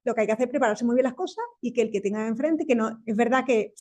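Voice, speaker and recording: An animated woman in her fifties with a Spanish accent, talking on a panel discussion. She speaks quickly, restarts her sentences and laughs often, in a voice pitched a little high. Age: 50s. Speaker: panel speaker, tech company executive.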